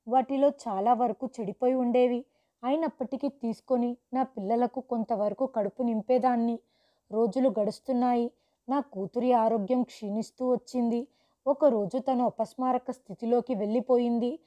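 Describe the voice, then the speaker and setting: A woman narrating a scripted first-person life story in a steady, earnest way. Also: on the high side.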